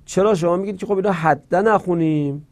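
A male teacher giving a grammar lecture, reciting verb forms in slow drills and posing rhetorical questions. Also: high-pitched, a little mellow.

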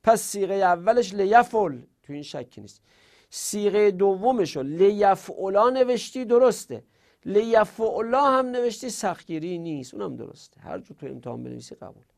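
A middle-aged man teaching Arabic grammar in a classroom lesson, drilling verb conjugations and trailing off quietly at the ends of lines. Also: high-pitched, big pitch swings, vocal fry, few pauses.

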